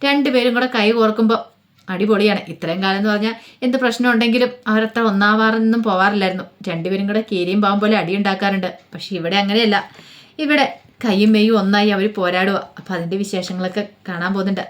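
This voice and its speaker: A woman's voice: medium pitch, fairly even intonation, quick pace. A woman casually retelling a TV serial episode as a chatty story, with frequent fillers.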